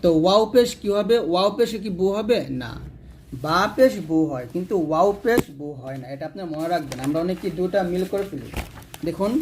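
A man teaches Quran recitation in a patient, repetitive style. He poses questions and answers them himself, stretching the syllables out for practice. His voice sits a little high. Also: darkish tone, slight background noise. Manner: repetitive, drilling syllables slowly and asking questions. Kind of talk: step-by-step lesson.

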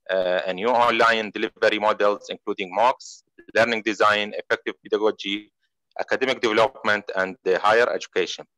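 Hesitant, sharp-voiced host reading an introduction. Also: male voice, lowish voice, dry recording, low-quality recording. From Iraq. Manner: hesitant, many pauses and fillers. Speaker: event host introducing speaker.

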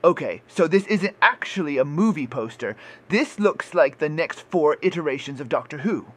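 A man's voice: on the high side, animated, normal speed, fairly bright tone. A man playing a put-upon producer in a puppet comedy, speaking in a whiny way. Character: green orc puppet.

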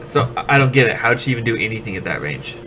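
A man's voice: medium pitch, sing-song, quick pace, sharp tone, slight background noise. Sarcastic, crude man playing a game. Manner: sarcastic, crude, jokey, swears a lot. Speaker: gameplay commentator. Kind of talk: casual let's play banter.

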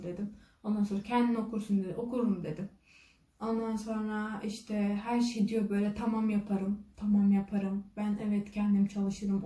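A woman's voice: mid-range voice, warm tone. A woman vlogger telling a personal story casually, acting out the dialogue with a constant "she said" and "I said". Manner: retells dialogue with frequent "dedi" and "dedim". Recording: echoey room, voice from a distance.

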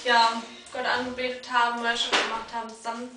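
A nineteen-year-old woman from Germany answers thoughtfully about her year, pausing with fillers. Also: a little high, completely flat delivery, roomy sound, far from the mic, heavy background noise. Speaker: volunteer housemate. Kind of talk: casual interview answers.

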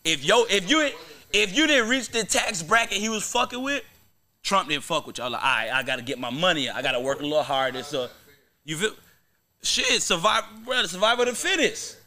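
In a small indoor studio, a young American man hosting a podcast argues his points through slangy, profane, casual banter. His voice sits high with big pitch swings, pushed and bright, moving a little fast; he's a young adult on a close boom-arm mic.

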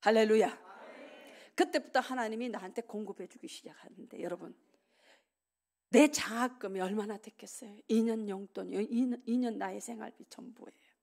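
A woman's voice: medium pitch, moderate pace, vocal fry. A middle-aged woman preacher giving a testimony sermon in a church, telling her story vividly and acting out the dialogue. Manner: animated storytelling, acts out dialogue, laughs often. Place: church sanctuary.

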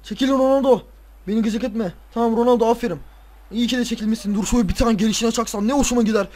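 A tired man playing a football video game, casually commenting, swearing and ranting at the players with excitable outbursts. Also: very high voice, racing. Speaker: gaming video creator.

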